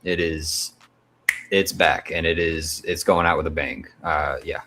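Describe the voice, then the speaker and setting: A man's voice: extremely low pitch, fairly even intonation, unhurried, background noise. A man in casual chat, blunt and opinionated, swearing freely as he rants about shows. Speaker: co-host.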